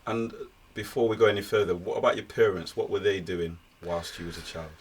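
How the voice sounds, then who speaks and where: A man's voice: low-pitched, brisk, a little hiss or hum. A man hosting a podcast interview in a studio, asking questions and often murmuring agreement. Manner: encouraging, frequent backchannel agreement. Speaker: podcast host. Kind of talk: casual interview.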